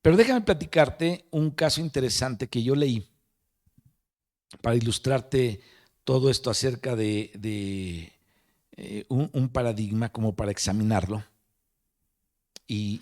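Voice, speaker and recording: A man's voice: medium pitch, unhurried, a little mellow. Conversational male preacher. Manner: conversational storytelling with many fillers. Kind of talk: sermon. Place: meeting room of a family support center.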